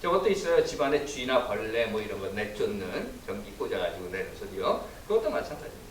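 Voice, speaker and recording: A man, a pastor giving a Sunday sermon, telling stories and acting out quoted voices with sudden jumps in pitch and loudness. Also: sing-song, quick pace. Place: church sanctuary. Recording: roomy echo from a distant mic, faint hiss.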